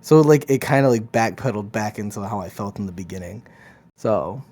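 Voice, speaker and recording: A man's voice: fairly low pitch, lively intonation, brisk, a little mellow. A man co-hosting a podcast, recounting his own experience in casual chat, hesitant and full of restarts. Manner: hesitant storytelling with many restarts. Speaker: podcast co-host.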